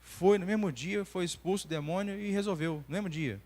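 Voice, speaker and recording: A man's voice: sits high, a little fast. A Brazilian man in his forties teaching a church class as a doctor, telling stories and acting out the dialogue. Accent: Brazilian Portuguese. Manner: animated storytelling, acting out dialogue. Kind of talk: church lesson with personal stories. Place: church hall. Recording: long reverb of a church hall.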